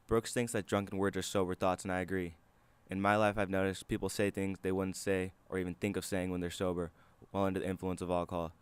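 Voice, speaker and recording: A man's voice: low-pitched, clear, resonant tone. A man reading a scripted video essay as a student narrator.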